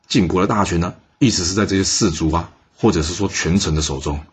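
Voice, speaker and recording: A man's voice: deep voice, quick pace, slightly rough. A man telling a history story in a chatty way, often putting questions to the listener.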